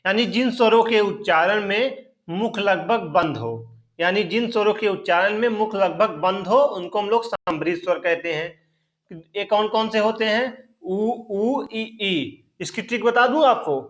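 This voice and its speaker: A man's voice: high voice, normal speed. A man teaching an online Hindi grammar lesson for teaching exams, repeating each term and asking the viewer questions as he goes. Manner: repeats terms and quizzes the listener with questions. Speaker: Hindi teacher for exam preparation. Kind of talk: online exam-prep lesson.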